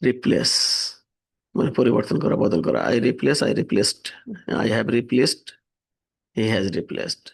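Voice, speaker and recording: Gravelly, husky man drilling English verbs. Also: mid-range voice, slow, long pauses. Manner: steady listing drill, English verb forms then Bengali meanings. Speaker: English vocabulary teacher. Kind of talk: vocabulary lesson, reading word lists with translations.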